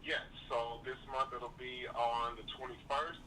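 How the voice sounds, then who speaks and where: A man's voice: mid-range voice, little pitch movement, measured pace, pushed and bright, a little hiss or hum. Easygoing man calling in from far off. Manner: easygoing, promotional. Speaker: caller, comedian. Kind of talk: casual phone-in chat.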